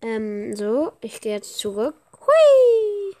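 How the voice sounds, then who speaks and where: Chatty woman gaming and talking to her podcast listeners, kinda high voice, lots of excited slangy outbursts. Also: a little slow. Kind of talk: casual gameplay commentary.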